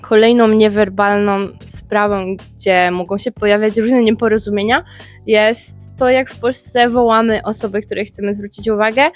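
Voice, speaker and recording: A young adult woman from Poland, talking casually to camera as a vlogger in a lively, expressive storytelling manner. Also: mid-range voice, moderate pace, faint music behind.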